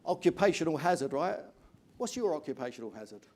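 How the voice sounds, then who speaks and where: High-voiced English motivational speaker, man. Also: brisk. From England. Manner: energetic storytelling, asks the audience questions. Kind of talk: motivational keynote speech.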